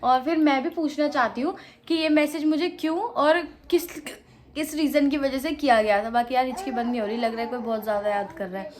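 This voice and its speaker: A young woman vlogger with a high, bright-pitched voice rambles through her story to camera, circling back and repeating herself. The sound bounces around an echoey room. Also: brisk. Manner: rambling, chatty, full of fillers and repeats.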